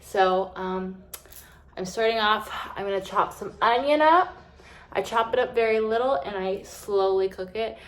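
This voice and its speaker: A woman's voice: mid-range voice, unhurried. A woman vlogger chatting casually while cooking at home, rambling with lots of fillers. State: teary from chopping onions. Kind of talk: casual cooking vlog chat. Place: home kitchen.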